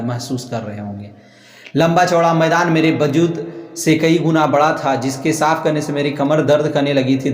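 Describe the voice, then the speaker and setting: A man with a Bihari Hindi accent teaching students a literature chapter, reading passages aloud and then explaining them in simple words. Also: a little high. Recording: echoey room with long reverb.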